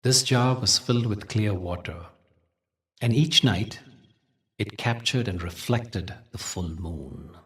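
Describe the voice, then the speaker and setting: Telling spiritual tales during a guided meditation, this man uses a calm, measured, soothing delivery and leaves deliberate pauses. The mic is distant and his voice falls in a fairly low range.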